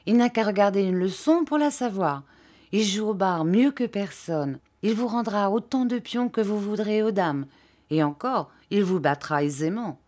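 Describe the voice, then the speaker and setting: A woman's voice: medium pitch, expressive, moderate pace, a little mellow, natural voice. Woman reading an earnest, gushing young boy. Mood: admiring. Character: earnest, admiring young schoolboy.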